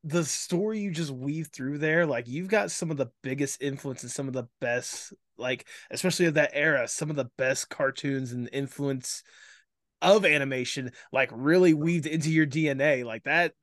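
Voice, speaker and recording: Male podcast host, slightly higher voice, eager, filler-heavy, dry close recording. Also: normal speed, a bit bright, no room sound. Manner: enthusiastic, filler-heavy with lots of "like". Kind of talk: casual interview chat.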